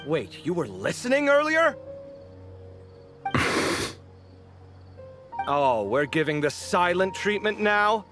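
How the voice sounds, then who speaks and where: A man voicing a dramatic young male architect in a game, expressive and huffy. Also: high-pitched, slow, long pauses, faint music behind, full character voice.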